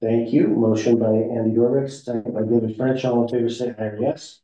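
A man with a very dark, mellow tone runs a board meeting step by step, pausing on uh and um. His voice comes over a remote call line, muffled and roomy. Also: mid-range voice, little pitch movement. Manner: measured, with frequent uh and um fillers. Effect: heard over a remote call line that breaks up. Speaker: district counsel chairing a board meeting. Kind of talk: formal procedural meeting chairing. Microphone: remote call audio. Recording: muffled echoey call audio.

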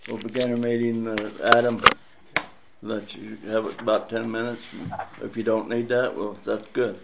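Halting man chairing a meeting. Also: on the low side, flat delivery, vocal fry, heavy background noise. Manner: halting, with many fillers. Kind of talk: running a meeting.

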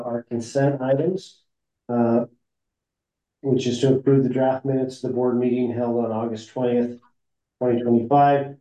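A man serving as district counsel, chairing a formal board meeting in a measured way with frequent fillers, his voice heard over a remote call line that breaks up. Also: medium pitch, dark tone. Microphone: remote call audio. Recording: muffled echoey call audio.

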